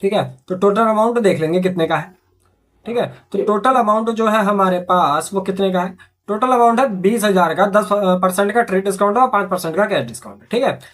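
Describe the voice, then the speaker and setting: A man's voice: high-pitched, brisk, a bit bright. Teacher quizzing his class aloud. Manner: repetitive, asks and answers own questions, frequent "theek hai". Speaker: accountancy teacher. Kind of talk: explaining journal entries step by step.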